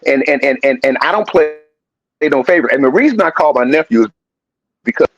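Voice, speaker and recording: A man talking on a live call whose audio keeps breaking up into gaps, speaking haltingly with repeated words and restarts. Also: mid-range voice, animated. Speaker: call-in guest. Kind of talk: casual chat on a live call. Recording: dull lo-fi call line.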